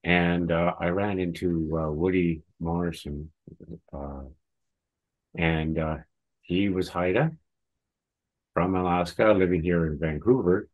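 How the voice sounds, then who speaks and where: A man telling a story as a radio guest, in a casual and halting way. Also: deep voice, steady tone, phone-quality sound. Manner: halting, hesitant phrasing.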